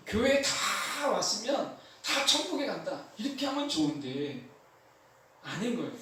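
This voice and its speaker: Animated male pastor in an echoey church. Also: high voice, slight background noise. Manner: animated preaching, repeating key phrases. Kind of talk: sermon. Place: church sanctuary. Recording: echoey church hall, mic from far off.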